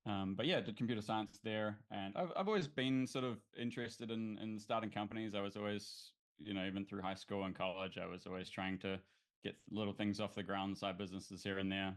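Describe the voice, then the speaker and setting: A startup founder with a New Zealand accent talks casually in an interview, relaxed and thoughtful, with many fillers and restarts. His voice is fairly low in pitch and a little fast.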